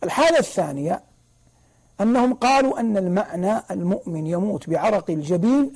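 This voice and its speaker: Man preaching a religious lesson, husky, mellow tone, repeats phrases for emphasis. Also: sits high, low-quality recording. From Saudi Arabia. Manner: explains slowly and repeats key phrases for emphasis. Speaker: sheikh giving an Islamic lesson.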